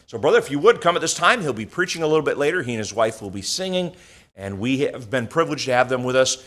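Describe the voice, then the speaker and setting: A pastor introducing a missionary guest to his congregation in a warm, affirming way. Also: mid-range voice, very animated, quick pace. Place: church sanctuary.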